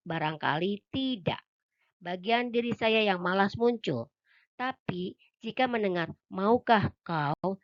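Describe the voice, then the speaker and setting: A woman reads an audiobook in a calm, steady voice of middle pitch. The recording is dry, with no room sound, and slightly dull in tone. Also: dry recording. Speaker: audiobook reader. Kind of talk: audiobook narration.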